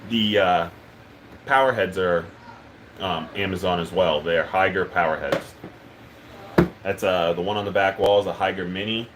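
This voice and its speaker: A man's voice: low voice, normal speed, pauses often, background noise. A man hosting a live stream, talking casually and rambling with lots of ums as he reads chat. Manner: relaxed, rambling, many ums and uhs. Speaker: livestream host.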